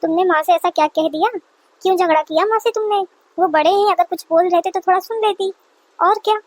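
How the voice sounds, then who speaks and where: A woman voicing a young married son who soothes his mother and gently scolds his wife, in a dry close recording. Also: very high-pitched, fairly quick, no room sound. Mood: reproachful. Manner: soothing, mildly reproachful. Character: young adult husband, mild peacemaking son.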